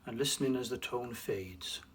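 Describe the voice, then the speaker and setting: Recorded on a distant mic with faint room noise, a mid-range male voice leads a guided mindfulness meditation. He speaks calmly and without hurry, letting long pauses fall between phrases.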